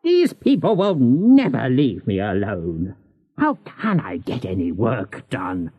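Brief: wheezy old miser for an audiobook, slow and swooping, dull lo-fi audio. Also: male voice, lowish voice, huge pitch swings, slightly rough, voice pushed down, full character voice. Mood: scornful. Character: miserly bitter old man, cold and scornful.

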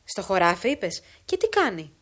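A woman's voice: mid-range voice, sing-song, fairly bright tone. A woman voicing a sick, frightened mother who speaks weakly and anxiously in a dramatic audiobook reading. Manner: weak and anxious.

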